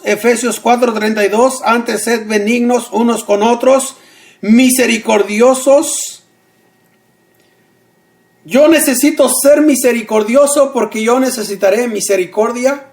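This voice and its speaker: A man preaching a radio sermon, earnest, repeating short phrases slowly for emphasis. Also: very high voice, gravelly.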